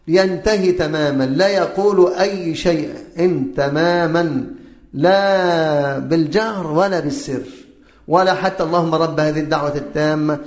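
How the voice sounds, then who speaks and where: A man leads a religious lesson, pressing his listeners with repeated questions and chanting examples aloud. His voice sits a little high. The sound is roomy and echoey. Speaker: religious teacher. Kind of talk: religious lesson on the call to prayer.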